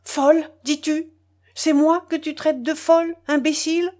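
A woman's voice: on the high side, expressive, unhurried, a little mellow. A woman voicing a frantic, consumptive mother who rails shrilly and scornfully in an audiobook scene. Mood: furious. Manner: shrieking, scornful tirade.

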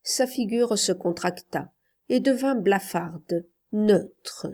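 A woman narrating a literary novel aloud in a measured, even storytelling voice. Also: mid-range voice. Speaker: audiobook narrator.

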